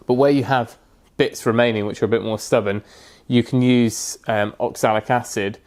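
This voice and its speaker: A man casually narrating a woodworking restoration project in a kitchen, talking through his steps in a relaxed, practical way with frequent pauses and fillers. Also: mid-range voice.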